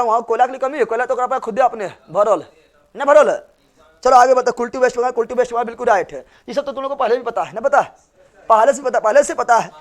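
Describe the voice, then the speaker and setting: A male teacher, giving a classroom lecture and drilling students with repeated questions and answers. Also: very high voice.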